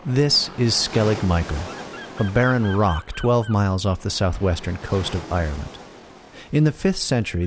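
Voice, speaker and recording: A man hosting and narrating a scripted story in a wry, dramatic delivery with deliberate pauses. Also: fairly low pitch, a little hiss or hum. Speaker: host and storyteller. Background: music bed.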